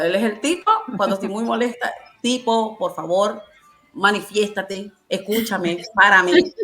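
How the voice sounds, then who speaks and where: A woman's voice: medium pitch, a bit bright. A woman with a Venezuelan accent, telling her personal faith story in a colloquial, emotional way and laughing often. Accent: Venezuelan Spanish. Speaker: testimony guest.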